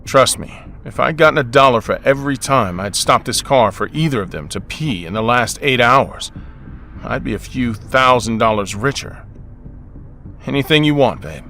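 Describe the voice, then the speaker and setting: A man's voice: mid-range voice, animated, moderate pace, bright, forceful tone, slight background noise. Wry young man narrating a story. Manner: wry, exasperated, joking. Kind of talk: first-person story narration.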